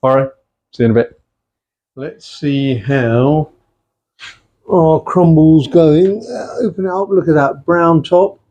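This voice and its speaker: A middle-aged man speaks slowly with long pauses, his voice high-ish but dark in tone, as he casually presents home cooking in his kitchen. He chats easily using some Punjabi-Urdu phrases, in a dull lo-fi home recording.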